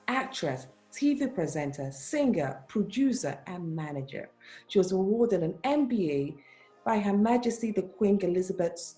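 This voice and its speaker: The host of a talk show, a woman with a mellow, medium-pitched voice, introduces her guest from a script and then asks interview questions. Music plays in a roomy, echoey recording.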